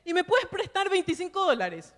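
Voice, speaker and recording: An eager little boy who keeps pleading and asking again and again, as a woman preacher puts him on. The voice is high and bright, and it hangs in a hall with a long reverb. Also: normal speed, exaggerated voice. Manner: excited, insistent pleading.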